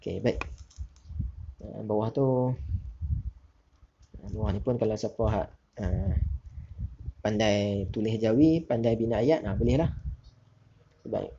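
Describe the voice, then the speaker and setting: A male teacher, giving a recorded lesson to pupils and reading out questions slowly and deliberately between relaxed asides. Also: on the low side, creaky, a little hiss or hum. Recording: dull lo-fi recording.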